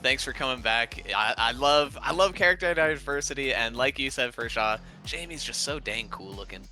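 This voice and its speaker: A man doing enthusiastic play-by-play for a fighting game tournament, with loud bursts of hype. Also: medium pitch, normal speed, faint music behind. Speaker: tournament commentator. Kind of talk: esports commentary.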